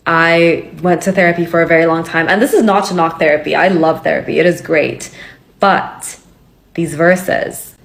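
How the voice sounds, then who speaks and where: Young woman, from Hong Kong, low-ish voice, casual vlog, candid, lots of fillers. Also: fairly even intonation, normal speed, vocal fry. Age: young adult. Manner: chatty, candid, with frequent fillers. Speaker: vlogger. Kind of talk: casual personal story.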